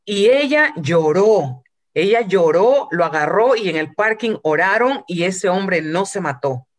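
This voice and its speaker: A woman's voice: lowish voice, lively intonation, measured pace. A woman preaching a sermon from Peru, retelling a story and acting out quotes, with some English phrases.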